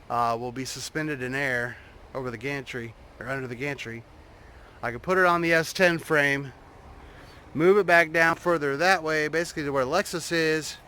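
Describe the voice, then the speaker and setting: A man talking casually and unscripted to his vlog viewers, rambling and halting as he thinks, outdoors in a driveway. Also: a little high, sharp tone, a little hiss or hum. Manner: rambling, halting, trailing off mid-thought. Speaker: vlogger showing a truck build.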